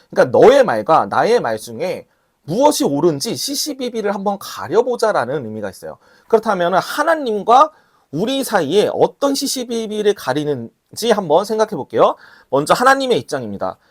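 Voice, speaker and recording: A woman pastor preaching a sermon with a slight cold, clearing her throat now and then and acting out the voices she quotes. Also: on the low side.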